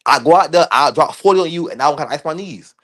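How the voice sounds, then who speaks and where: Brief: thirties man, animated debate guest, slangy and repetitive, slightly high pitch. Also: fast. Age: 30s. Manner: animated, repeats himself, slangy. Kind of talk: casual heated sports debate.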